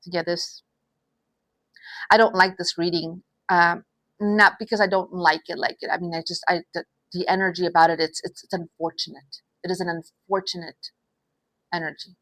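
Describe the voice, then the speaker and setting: A woman's voice: on the low side, little pitch movement, normal speed, fairly bright tone, no echo. A woman doing an unscripted tarot reading. She speaks in a somber, sympathetic way, restarts often, repeats her phrases and sighs. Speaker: tarot reader.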